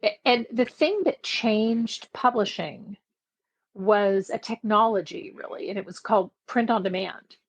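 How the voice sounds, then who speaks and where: A chatty middle-aged woman talks as a guest on a podcast, relaxed and easy to laugh. Her voice sits at a middling pitch for a woman. She lets her sentences fade off quietly at the ends. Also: a little slow, breathy edge. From Belgium. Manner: chatty, laughs easily, trails off softly at phrase ends. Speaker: podcast guest, book marketing expert. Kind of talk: casual interview chat.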